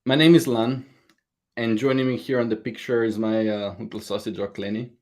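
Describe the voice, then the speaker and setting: A man's voice: fairly low pitch, steady tone, fairly quick, a little mellow. A man, giving an earnest, slightly nervous prepared talk at a conference. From Slovenia. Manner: earnest, a bit nervous, grammar slips. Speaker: conference speaker.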